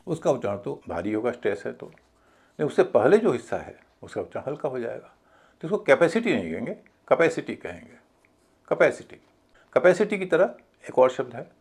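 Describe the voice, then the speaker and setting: A man's voice: medium pitch, vocal fry, a little mellow, breathy edge. A man teaching English pronunciation in a video lesson, explaining the rules methodically and spelling words out letter by letter.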